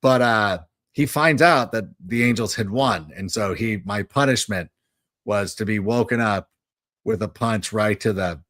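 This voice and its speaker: A middle-aged man co-hosting a livestream, telling parenting stories in a casual, animated way. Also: on the low side, measured pace, no room sound, clean studio sound. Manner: animated storyteller, jumps into voices when quoting. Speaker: livestream co-host. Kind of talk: casual chat.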